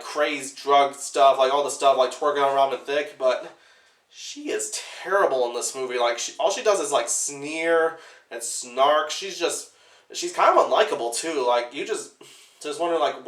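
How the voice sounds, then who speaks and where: A man's voice: a little high, fairly bright tone, recorded from a distance. A young man giving rambling, unscripted movie-review commentary, filling his talk with "like". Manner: rambling, says "like" constantly. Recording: roomy sound from off-mic.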